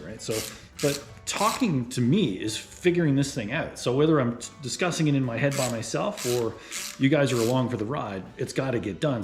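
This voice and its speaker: A man casually narrating his car fabrication work as he goes, thinking out loud and often checking in with "right?". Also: mid-range voice. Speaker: car restoration vlogger. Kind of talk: casual how-to narration while working.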